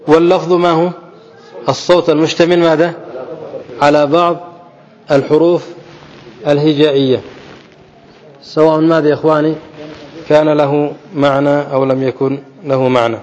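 A man teaching a classical grammar text to a class, often asking his students questions and slowly repeating key phrases. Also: on the high side, fairly even intonation, darkish tone. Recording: dull audio with long hall reverb.

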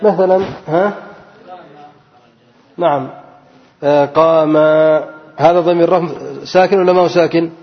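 A man's voice: a little high, fairly even intonation. Male grammar teacher quizzing his class. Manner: asks the class questions and repeats the key answer; stretches out example words slowly. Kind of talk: classroom grammar lesson with call-and-response questions. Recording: dull lo-fi recording with long reverb.

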